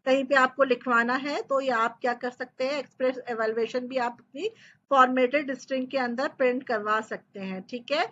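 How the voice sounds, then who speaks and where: A woman's voice: high-pitched, fairly even intonation, a little fast, bright, forceful tone, muffled recording. A woman teaching programming, explaining step by step and often checking in with her students. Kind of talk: coding tutorial lecture.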